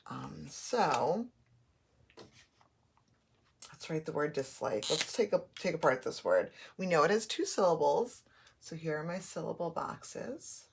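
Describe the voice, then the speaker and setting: Woman, phonics teacher, slow and patient, low-pitched. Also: expressive, gravelly, slight background noise. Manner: slow, patient, sounding out letters and words. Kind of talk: phonics lesson.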